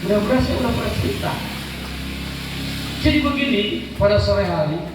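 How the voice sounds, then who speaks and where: A man's voice: high voice, fairly quick, over music. A man with a Sundanese accent preaching a sermon at a religious gathering, telling stories with emphatic repetition. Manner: animated storytelling with emphatic repetition. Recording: echoey hall from far off.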